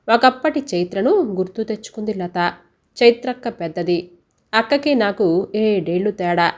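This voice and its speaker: Woman narrating a family story. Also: mid-range voice.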